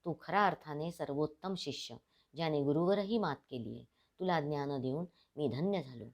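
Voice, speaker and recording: A woman's voice: low voice, normal speed, a little mellow. A woman reading the part of a stern, elderly male ascetic guru in a storybook narration. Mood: solemn.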